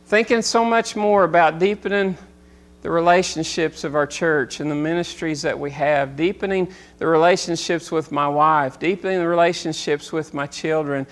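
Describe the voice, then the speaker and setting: A pastor in his forties preaches a sermon, at times rising loud and intense, then settling into quiet, reflective talk. His voice is fairly high, with fairly even intonation and a moderate pace.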